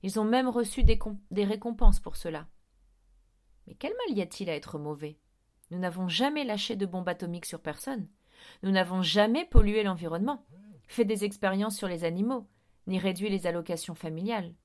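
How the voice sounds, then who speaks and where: A woman reading an audiobook and voicing a sinister, smooth-talking male vampire headmaster who coaxes and insists. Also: medium pitch, animated, moderate pace, darkish tone, close to an everyday voice. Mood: tempting, emphatic. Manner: coaxing, sly, growing insistent.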